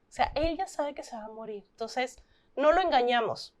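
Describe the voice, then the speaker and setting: Earnest Mexican woman, slightly high voice. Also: lively intonation, moderate pace. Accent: Mexican Spanish. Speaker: thanatologist guest. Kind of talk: interview talk.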